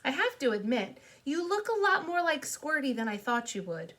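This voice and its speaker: A woman's voice: high voice, very animated, normal speed, fairly bright tone, recorded from a distance. A woman voicing an exasperated, no-nonsense mother in a storybook reading, dry and scolding. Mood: wry.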